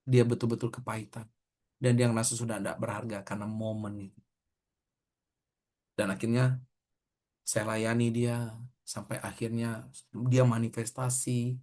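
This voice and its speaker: A man's voice: medium pitch, flat delivery, normal speed, long pauses, mellow. Conversational man preaching a sermon. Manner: conversational, acts out quoted dialogue, fillers. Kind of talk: sermon with storytelling.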